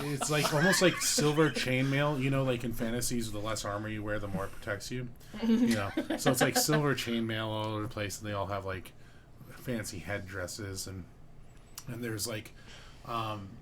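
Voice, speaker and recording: A man's voice: fairly low pitch, noisy background. A man narrating as game master of a tabletop role-playing game, describing scenes loosely with many fillers.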